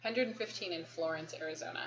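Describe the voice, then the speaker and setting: A woman chatting beside the host, making quick teasing asides. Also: low voice, fairly bright tone, highs cut off. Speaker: co-host, host's wife. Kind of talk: casual chat.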